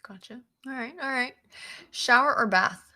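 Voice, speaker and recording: A woman hosting a podcast, firing off quick either-or questions and giggling between them. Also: fairly high pitch, sharp tone. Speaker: podcast host asking questions. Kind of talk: casual chat.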